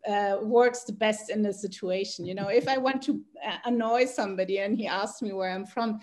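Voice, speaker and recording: A woman's voice: mid-range voice, normal speed, darkish tone. A middle-aged woman from South America, a podcast guest talking casually, hesitant with many fillers and frequent laughs. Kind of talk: casual interview chat.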